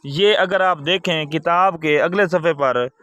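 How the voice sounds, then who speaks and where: A man's voice: on the high side, unhurried, a bit bright, no room sound. A man teaching a recorded lesson to young children, patient, repeating key words and asking quiz questions.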